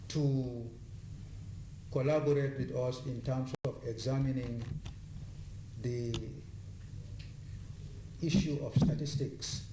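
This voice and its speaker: A man with a Gambian accent, a ministry official giving a slow, deliberate speech. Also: medium pitch, reverberant, noisy background. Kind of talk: speech at an event.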